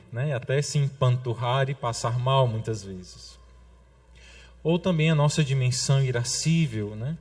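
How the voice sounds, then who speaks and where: A man with a Brazilian Portuguese accent, a priest giving a sermon, talking conversationally with the congregation and slowing down to stress key phrases. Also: mid-range voice. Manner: conversational preaching with frequent tag questions to the congregation; slows for emphasis on quotations, drops softly at phrase ends.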